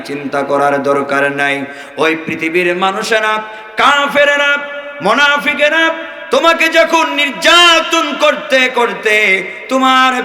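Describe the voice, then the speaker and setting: Male preacher: high-pitched, bright, slow and chanting, heard in a roomy echoing hall. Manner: chanting sermon, swings from shouts to low singsong. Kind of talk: sermon to a crowd. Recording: echoey hall from far off.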